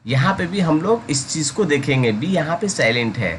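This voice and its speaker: A man teaching English pronunciation in Hindi, repeating each word slowly and calling his listeners guys. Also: fairly high pitch, lively intonation, slight background noise. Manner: slow, drawn-out repetition of each word. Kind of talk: pronunciation lesson.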